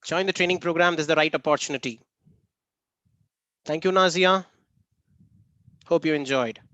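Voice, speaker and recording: A man's voice: on the high side, normal speed, pushed and bright, dry recording. A man with a Tamil Indian English accent, chatting informally as the host and trainer of an online workshop and repeatedly thanking participants. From Namakkal, Tamil Nadu, India. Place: online video meeting.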